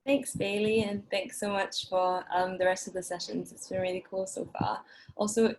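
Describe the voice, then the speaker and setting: A young woman from Singapore introducing her group on a video call, relaxed and friendly. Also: mid-range voice, moderate pace, low-quality recording. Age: young adult. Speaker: youth council member. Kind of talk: casual introduction.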